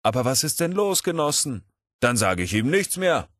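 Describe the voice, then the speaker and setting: A man's voice: fairly low pitch, animated, unhurried, a bit bright, no room sound, studio quality. A man voicing a stubborn, pompous man who lectures his comrades in a raised, insistent, declaiming voice. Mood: puzzled.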